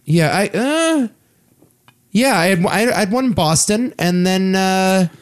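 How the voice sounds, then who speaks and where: A man co-hosting a podcast in casual chat, telling rambling stories with deadpan jokes and halting restarts. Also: sits high, smooth. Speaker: podcast co-host.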